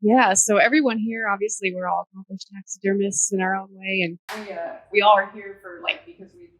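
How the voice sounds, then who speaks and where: A woman's voice: medium pitch, steady tone, a little fast, fairly bright tone. A woman co-hosting a podcast, chatting casually at a roundtable and filling her sentences with "like" and "you know.". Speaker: podcast co-host. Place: group class in Texas, indoors. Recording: echoey room with faint noise.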